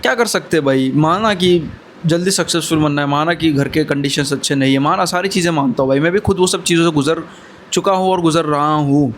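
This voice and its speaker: Young man, brotherly advice, fairly high voice, faint background hiss. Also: brisk. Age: 20s. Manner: earnest brotherly advice, many fillers. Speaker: vlogger. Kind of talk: casual motivational talk to camera.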